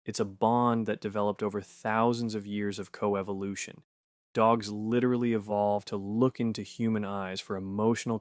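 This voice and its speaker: A man's voice: fairly low pitch, dry recording, studio quality. Punchy conversational male explainer narrator. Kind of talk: scripted narration.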